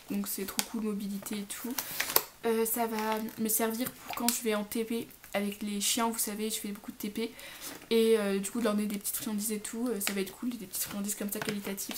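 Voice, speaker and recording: A woman's voice: on the high side, background noise. A young woman casually talking about her pet products in a haul vlog, chatty and full of fillers. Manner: chatty, lots of fillers and restarts. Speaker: pet vlogger.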